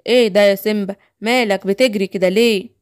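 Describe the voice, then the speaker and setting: A woman's voice: mid-range voice, fairly even intonation, fast talker, smooth, no room sound, studio quality, voice pushed down, close to an everyday voice. A woman with an Egyptian accent voicing a brave male superhero who speaks urgently and decisively.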